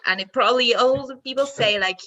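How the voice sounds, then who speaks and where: A woman's voice: fairly high pitch, brisk, pushed and bright, dull audio. A woman with a Spanish accent, moderating a casual online roundtable, hesitant and full of fillers. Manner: hesitant, many fillers and restarts.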